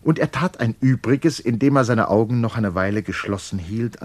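A man with a very low, deep voice reads a literary audiobook. His delivery is measured and deliberate, letting long sentences unfold without hurry. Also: a little mellow. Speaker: audiobook narrator.

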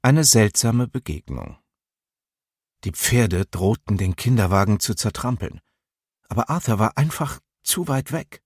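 A man narrates a story in measured, even tones and lifts his voice for the tense moments. His voice has a slightly husky grain, and the recording is close and dry with no room sound. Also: fairly low pitch, dry recording. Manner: calm, measured storytelling with raised dramatic moments. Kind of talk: audiobook narration.

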